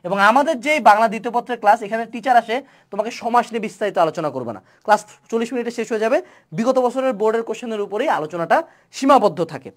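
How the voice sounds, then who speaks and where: A young online tutor giving a playful webinar lecture. The tutor asks many rhetorical questions and mixes English words into the talk. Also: medium pitch.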